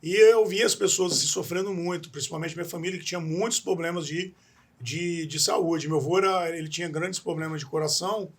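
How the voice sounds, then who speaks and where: A podcast guest from Espírito Santo, Brazil, tells his life story in an interview with a husky, higher-pitched male voice. His intonation stays fairly even and his pace is brisk. He comes across as earnest and rambling, often restarting and tagging phrases with a questioning aside.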